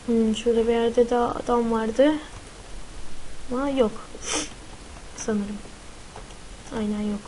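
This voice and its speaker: A woman's voice: on the high side, fairly even intonation, takes it slowly, long pauses, warm tone, slight background noise, poor audio. A woman commenting live on her own gameplay, easily frightened and swearing freely as she plays. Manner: frightened, swears a lot, shrieks in panic. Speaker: gaming YouTuber.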